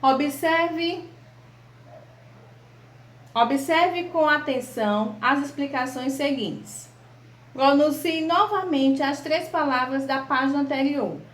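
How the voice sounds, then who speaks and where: A Brazilian woman with a high voice teaching young children over an online class. She speaks slowly and patiently, spelling out letters one by one. The room around her is echoey. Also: a bit bright. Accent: Brazilian Portuguese. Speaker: primary school teacher.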